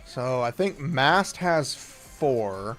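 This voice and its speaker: A man's voice: mid-range voice, lively intonation, drawn-out words, fairly bright tone, soft background music. A man casually chatting on a gaming stream, rambling and trailing off, sleepy and yawning. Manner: rambling, laid-back, trailing off.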